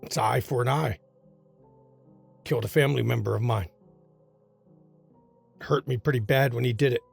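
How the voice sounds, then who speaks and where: A man voicing the vengeful, blunt ghost of a gunned-down man in a tabletop game, with a raspy, sly, terse delivery. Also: medium pitch, moderate pace, soft background music, pitched below the performer's own voice. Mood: bitter, sly. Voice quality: raspy, gravelly.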